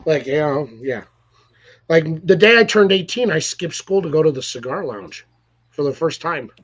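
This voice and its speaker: Host, male, 40s, loose rambling storyteller, slightly high voice, dull lo-fi recording. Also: expressive, normal speed, breathy edge. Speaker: podcast host. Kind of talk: casual interview chat. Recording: dull lo-fi audio.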